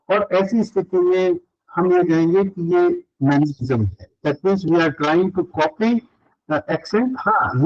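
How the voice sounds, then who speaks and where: A man's voice: high-pitched, a little mellow. An older man giving a recorded university lecture, explaining points one by one and switching often into English phrases. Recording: dull lo-fi recording.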